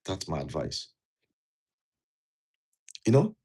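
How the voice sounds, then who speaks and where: With a deep, mellow, slightly rough voice whose pitch swoops wildly, a Nigerian vlogger speaks slowly about immigration. Wearing a jacket indoors, he keeps it casual but earnest, repeating key points and questioning his viewers in a Nigerian English accent.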